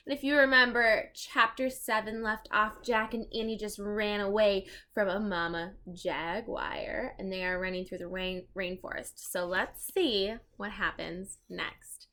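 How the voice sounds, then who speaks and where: A woman reads a storybook aloud to children with lots of expression, calling her listeners friends and explaining things along the way. Her voice is mid-range, her pace a little slow, and she hardly pauses.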